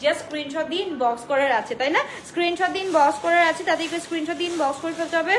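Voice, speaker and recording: A woman from Bangladesh hosting a live dress sale from home, talking loudly and chattily, mixing English phrases into her talk and reading out viewer comments. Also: very high-pitched, racing, echoey room, a little hiss or hum, low-quality recording. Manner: chatty, mixes English into Bengali, addresses viewers as apu; talks loudly on purpose. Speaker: online dress seller. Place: indoors, home.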